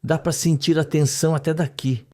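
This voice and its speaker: A man's voice: a little high, fairly even intonation, moderate pace, warm tone, voice pushed up, natural voice. A man reading the lines of a frightened young woman recalling a scene under hypnosis, in a dreamy, trembling way, for a soap opera recap. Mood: tense. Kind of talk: read-aloud soap recap.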